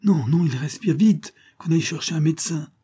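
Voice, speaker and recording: Man playing a police commissioner, urgent, raised high, loud, commanding, husky, audiobook. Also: very animated, normal speed. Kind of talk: audiobook character voice.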